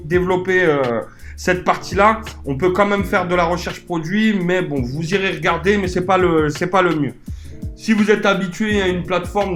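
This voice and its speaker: Casual male e-commerce coach. Slightly higher voice, loose and chatty delivery with many hesitations, and soft music underneath. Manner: chatty and informal, with frequent hesitations and self-corrections. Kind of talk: casual screen-share software tutorial.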